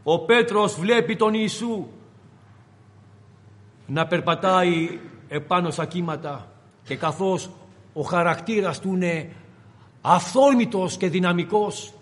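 Male preacher, high voice, theatrical delivery, long hall reverb. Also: pauses often. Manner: dramatic, acts out voices of biblical figures. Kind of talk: sermon.

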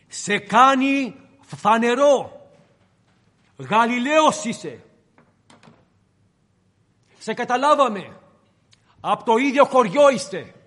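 A man's voice: very high-pitched, big pitch swings, pauses often, a bit bright, in a large hall. A man preaching a sermon, retelling the story dramatically and addressing the congregation directly.

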